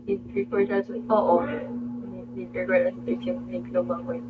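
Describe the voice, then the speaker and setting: Woman streamer, chatty animated storyteller, phone-like sound with a steady hum. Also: on the low side, a little slow. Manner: animated storytelling, greets viewers mid-story. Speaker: livestream host. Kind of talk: casual storytelling livestream. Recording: tinny phone-like audio with hum.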